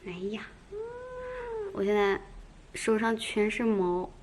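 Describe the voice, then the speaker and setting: A woman's voice: mid-range voice, fairly even intonation, slow pace, noisy background. A woman talking to her pet cat at home in coaxing baby talk, scolding it playfully. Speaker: cat owner vlogger. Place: home, indoors.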